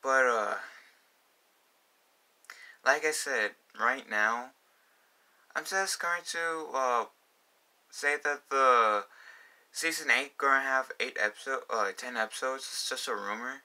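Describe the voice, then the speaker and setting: A man's voice: mid-range voice, takes it slowly, pauses often, sharp tone. A young man talking casually in a fan vlog, rambling with many fillers and restarts. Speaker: vlogger.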